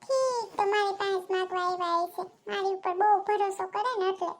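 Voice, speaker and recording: A woman voicing a chatty, boastful village housewife in a cartoon, with a Kathiawadi Gujarati accent. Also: extremely high pitch. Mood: prying. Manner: chatty, boastful, quick-tongued. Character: gossipy village housewife who lends money.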